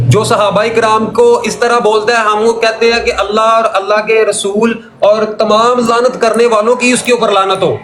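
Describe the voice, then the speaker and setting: A man calling in to a religious debate, arguing heatedly, laying out his points one by one and repeating them. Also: high voice. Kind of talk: heated call-in argument. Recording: echoey room sound.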